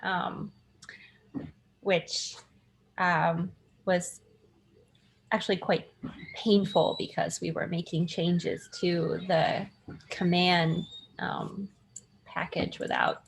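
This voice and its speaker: Woman on a work call using laptop speaker, bit low, creaky, slow and hesitant, noisy sound. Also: flat delivery. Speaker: software team member in a meeting. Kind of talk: casual work meeting talk. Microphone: built-in laptop microphone and speaker.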